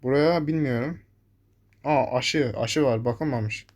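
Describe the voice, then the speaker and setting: A man's voice: mid-range voice, slow pace, a little mellow. A young man giving live gameplay commentary, talking to his viewers and cursing at the enemies that chase him. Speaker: gameplay streamer.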